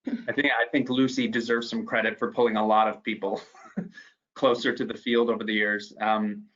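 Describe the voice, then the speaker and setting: A man's voice: fairly low pitch, level tone, normal speed, a bit bright, highs cut off. A man hosting an online panel interview, speaking hesitantly with many fillers and restarts. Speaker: panel host.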